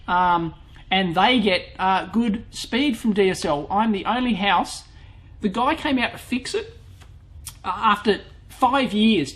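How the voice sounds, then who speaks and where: A man's voice: sits high, fairly bright tone. A young man with an Australian accent, hosting a live question-and-answer stream and chatting casually, with blunt swearing and a rising lift at the ends of his sentences. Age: young adult. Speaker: electronics vlog host.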